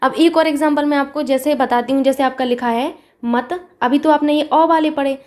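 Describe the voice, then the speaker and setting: A woman's voice: high-pitched, steady tone, a little fast, a little mellow. A woman teacher giving an exam-prep grammar lesson, patient and repetitive, talking straight to her students.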